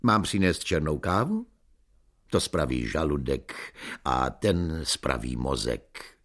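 A man's voice: extremely low pitch, sing-song, fairly bright tone, pitched below the performer's own voice, full character voice. A man reading aloud, voicing a cheeky, red-faced hotel waiter who is deferential but impudent toward a hungover guest. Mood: bantering. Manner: deferential yet impudent, addressing his guest as "vašnosto".

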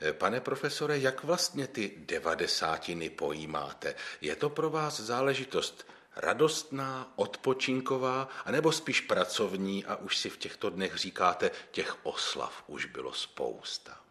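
Man, radio host, formal polite questions, bright tone, slightly low. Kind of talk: radio interview.

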